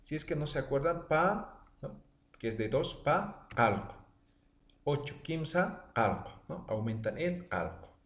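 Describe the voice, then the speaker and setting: A man's voice: animated, unhurried, fairly bright tone, echoey room. A man teaching a language lesson online, drilling words aloud and checking in with his students after almost every line. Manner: drilling words with rising then falling pitch, checking in often.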